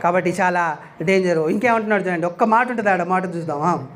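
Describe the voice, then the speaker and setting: Emphatic high-voiced male preacher. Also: fast talker, fairly bright tone. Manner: emphatic, rhetorical questions, repeats scripture lines aloud. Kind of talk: sermon.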